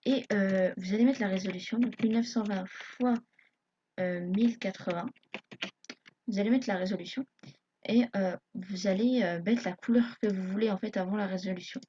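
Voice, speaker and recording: A woman's voice: medium pitch, fairly even intonation, moderate pace, dark tone, slight background noise. Hesitant young-sounding woman. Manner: hesitant, many fillers, self-conscious beginner. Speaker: YouTube tutorial maker. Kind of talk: live screen tutorial narration. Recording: dull lo-fi home recording.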